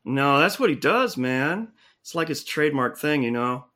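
A woman voicing a laid-back male cat in a much lower, drawling voice, full of slang. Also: lively intonation, moderate pace, a bit bright.

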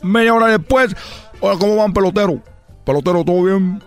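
A man voicing an excitable, boastful male baseball player, telling rambling tall tales in a comic radio sketch and shouting his catchphrases. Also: a little fast, faint music behind. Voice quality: high, squealing delivery. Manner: rambling, shouting catchphrases, laughing at own jokes. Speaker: recurring comedy character on a radio show.

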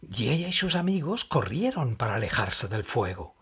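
A man reading a children's story aloud, expressive and dramatic. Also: mid-range voice, normal speed, slightly rough.

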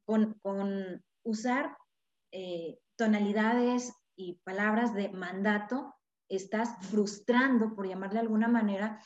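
Expressive woman, echoey lo-fi sound. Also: mid-range voice. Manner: acts out parent and child voices in examples. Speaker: parenting guest expert. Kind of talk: explanatory interview talk.

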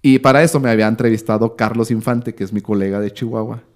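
A man in his thirties with a Mexican Spanish accent, a sports commentator telling a story as a podcast guest in a casual, slangy, animated way, acting out what others said. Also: on the low side, fast. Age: 30s.

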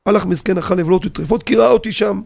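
Animated, gravelly-voiced rabbi on the radio. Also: male voice, high voice. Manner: animated, asks rhetorical questions, tells anecdotes. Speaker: rabbi teaching on a radio show.

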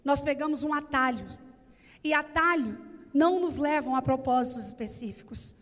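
A woman with a Brazilian Portuguese accent voicing a patient, gentle father explaining things to his son within a sermon. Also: high voice, normal speed, close to an everyday voice. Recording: echoey church hall.

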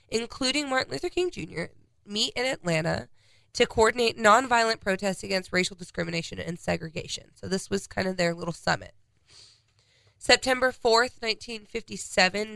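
A woman's voice: medium pitch, creaky, sharp tone, no room sound. A congested woman co-hosting a casual podcast, reading out a timeline of historical dates. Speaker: podcast co-host.

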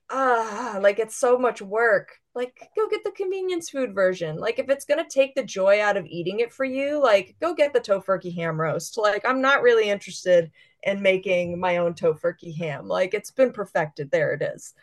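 A woman chef as a guest, chatting casually and enthusiastically, filling her talk with "like". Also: mid-range voice. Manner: chatty, fillers of "like" throughout; enthusiastic, gushing. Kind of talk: casual interview chat.

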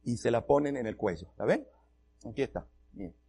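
A man's voice: mid-range voice, sing-song, fairly quick, vocal fry, warm tone, husky. A male pastor telling a comic, self-mocking story during a sermon.

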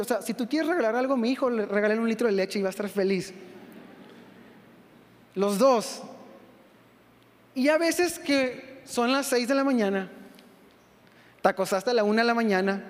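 A pastor in his thirties with a Mexican Spanish accent preaches in a very high voice. He delivers a lively sermon, acting out voices with humor. His words ring out with a long reverb, as if in a church hall.

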